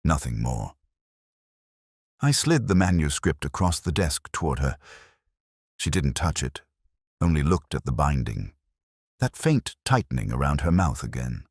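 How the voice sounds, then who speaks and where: A man acting a middle-aged police inspector with an extremely deep voice, recorded close and dry. He narrates a detective drama in measured, melancholy, literary sentences, brooding and erudite, with lively rises and falls in pitch. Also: breathy edge, dry recording, exaggerated voice. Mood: brooding, reflective. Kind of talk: scripted first-person detective narration.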